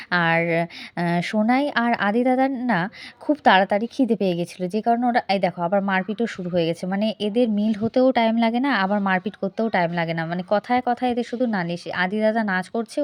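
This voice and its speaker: A woman vlogger, narrating her day in a chatty way, pausing often on filler sounds. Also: medium pitch, dry recording. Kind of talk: casual vlog narration.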